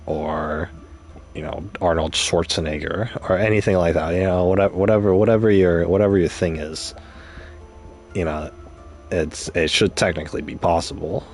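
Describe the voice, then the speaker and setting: A man's voice: low-pitched, fairly even intonation, normal speed, soft background music. A young man streaming a game, talking casually and rambling through an explanation with examples and restarts. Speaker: gaming streamer. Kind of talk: casual commentary while gaming.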